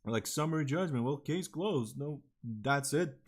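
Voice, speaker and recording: Expressive and a little slow, his fairly high voice is slightly rough. The speaker is a young Serbian vtuber with a Serbian accent, rambling casually on stream, blunt and loaded with fillers and curse words.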